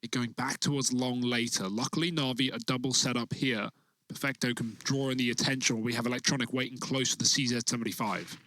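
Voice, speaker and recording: A man giving live esports match commentary as a play-by-play caster, excitable when the action builds. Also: mid-range voice, a little fast, dry recording, rough recording.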